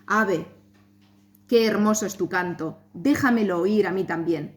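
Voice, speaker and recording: A woman's voice: medium pitch, a little slow, close to an everyday voice. A woman voicing an eager young miller lad in a polite, asking tone.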